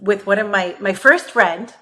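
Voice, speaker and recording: A woman's voice: medium pitch, moderate pace, sharp tone, a little hiss or hum. A woman in her thirties co-hosting a casual podcast, telling a story with lots of energy. She laughs often and acts out the voices of the people in it. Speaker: podcast co-host.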